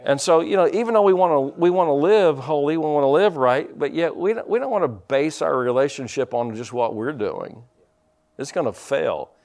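A man's voice: a little high, expressive, moderate pace. Fervent man preaching with lilt. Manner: fervent, repeats words, rises to loud emphatic peaks. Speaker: pastor. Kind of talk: preaching a sermon.

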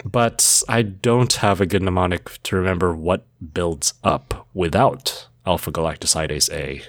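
A man's voice: sits low, unhurried, no room sound. A man co-hosting a casual educational podcast, walking through medical facts with playful mnemonics. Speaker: podcast co-host.

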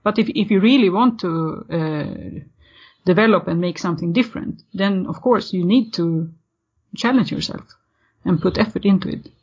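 A woman's voice: lowish voice, normal speed, darkish tone, slightly rough. A Swedish woman in her thirties with a Swedish accent, a podcast guest talking in a casual interview, hesitant, with many fillers and restarts. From Sweden. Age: 30s. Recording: muffled lo-fi audio.

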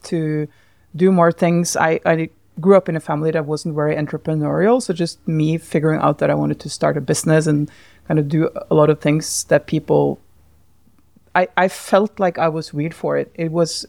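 Gravelly Norwegian woman co-hosting a podcast. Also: deep voice, a little mellow, dry recording. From Norway. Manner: thoughtful, laughs often. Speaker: podcast co-host. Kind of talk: casual podcast chat.

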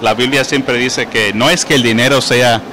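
A man, a guest calmly explaining his ideas in an interview. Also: mid-range voice, moderate pace, a little hiss or hum. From Puerto Rico.

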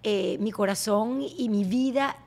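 A woman hosting a podcast, lively and quick to jump in during casual chat. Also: medium pitch. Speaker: podcast host.

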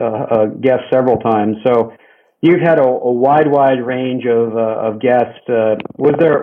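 A man guest-hosting a podcast interview over a low-quality stream, asking relaxed questions with halting restarts. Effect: low quality stream audio, tinny and phone-like. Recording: tinny dry low-quality online call.

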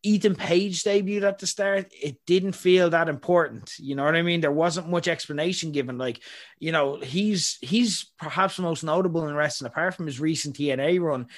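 A young adult man hosts a podcast, giving rambling, opinionated takes in casual chat full of fillers. His voice is on the high side and he speaks at normal speed.

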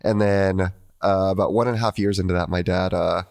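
A man who grew up in Argentina, talking as a podcast guest in a thoughtful, relaxed way with many fillers and restarts. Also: sits low, brisk, vocal fry. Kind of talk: casual conversation.

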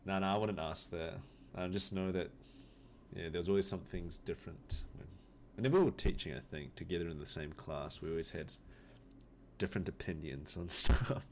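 A man with a very low voice hosts the interview, asking questions in a loose, joking manner. Faint background noise sits under his voice. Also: brisk. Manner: relaxed, jokey, laughs between questions. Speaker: podcast host. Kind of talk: casual interview conversation.

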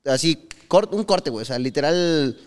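With a long reverb tail behind him, a young podcast co-host with a Mexican accent relates a story in relaxed slang, performing other people's lines. His voice is on the high side, expressive, clear and resonant, at a moderate pace.

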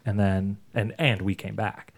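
A man's voice: lowish voice, little pitch movement, a little slow. A man casually telling a long story on a podcast, rambling with fillers and chuckles.

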